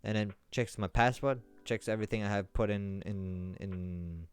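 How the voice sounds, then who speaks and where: Smooth-voiced man rambling on stream. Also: on the low side, normal speed, faint music behind. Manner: rambling, with many restarts, growing more worked up. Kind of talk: casual storytelling to a live stream chat.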